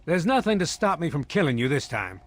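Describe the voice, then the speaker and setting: A man playing a stern, proud military villain officer in a video game, speaking in a formal, deliberate, haughty way. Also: on the high side, big pitch swings. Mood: menacing. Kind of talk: dramatic video game dialogue.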